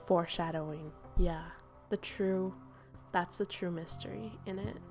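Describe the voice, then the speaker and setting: A young woman streamer giving playful let's-play commentary, often dropping to soft whispers. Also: lowish voice, fairly even intonation, unhurried, soft background music.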